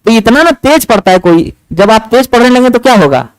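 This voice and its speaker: High-voiced man teaching a class. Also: brisk, no room sound, rough recording. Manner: animated, asks the class questions. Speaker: English teacher. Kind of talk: classroom lecture. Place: classroom with students.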